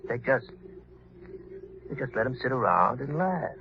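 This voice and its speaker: A cackling, unhinged vengeful crook. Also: male voice, medium pitch, big pitch swings, moderate pace, vocal fry, noisy background. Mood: gloating. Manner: menacing, gloating, cackling laughter. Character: vengeful, unhinged male ex-convict thought dead. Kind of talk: 1940s radio acting. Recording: dull lo-fi 1940s radio broadcast.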